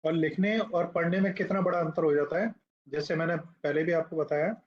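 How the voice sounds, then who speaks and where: A male teacher giving a classroom lecture who explains points slowly, writes on the board and puts questions to the class. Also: on the high side, fairly even intonation. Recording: dull lo-fi classroom recording.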